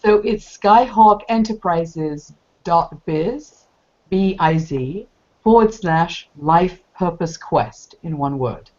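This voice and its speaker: A woman's voice: fairly low pitch, expressive, slow pace, warm tone, highs cut off. A woman co-host carefully reading out a web address for listeners.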